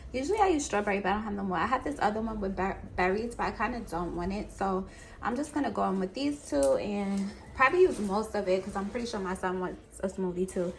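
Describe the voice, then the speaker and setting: A woman's voice: medium pitch, expressive, fast. Casual American woman vlogging over household noise. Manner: informal, conversational. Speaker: home vlogger. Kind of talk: casual vlog chat, narrating chores and cooking. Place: indoors at home, kitchen. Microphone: handheld camera. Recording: clear household noise behind voice. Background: household appliance noise.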